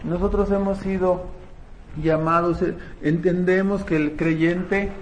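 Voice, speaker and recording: In an echoey room with faint ambience, a man delivers a conversational sermon and often puts rhetorical questions to the congregation. His high voice stays fairly even in intonation and moves slowly, with a little hiss or hum present.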